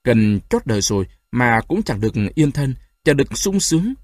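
A man voicing a stern, quick-tempered old grandfather with a hoarse voice, in an audiobook reading. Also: mid-range voice, sing-song, dry recording, studio quality. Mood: anguished. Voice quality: hoarse, shouting. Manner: harsh, scolding, then choked and tearful.

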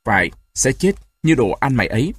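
A man reads the part of a hoarse old grandfather, stern and quick to shout, his husky voice leaping up and down. The storybook figure scolds harshly and turns choked and tearful, close and dry. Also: mid-range voice, very animated, dry recording. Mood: anguished. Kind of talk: audiobook reading.

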